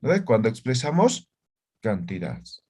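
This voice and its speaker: A man's voice: on the low side, big pitch swings, measured pace, a little mellow, slightly rough. A man teaching an online language class over a video call, who checks in often with short questions.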